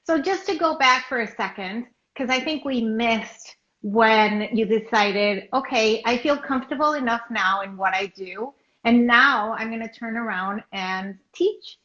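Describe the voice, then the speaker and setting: A woman's voice: fairly high pitch, unhurried, few pauses, fairly bright tone. A woman interviewer speaks encouragingly, with loose phrasing and many fillers. Her voice comes through a roomy, echoing space, and the live-stream sound is somewhat dull and muffled. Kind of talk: casual interview over a live video stream.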